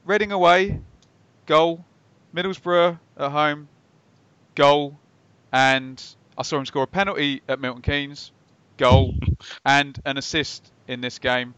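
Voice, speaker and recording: A man's voice: fairly high pitch, slow pace, fairly bright tone, clean tone, dry recording. A man hosting a casual football podcast, explaining things in a jokey, teasing way. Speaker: podcast host and quizmaster. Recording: slightly dull lo-fi microphone sound.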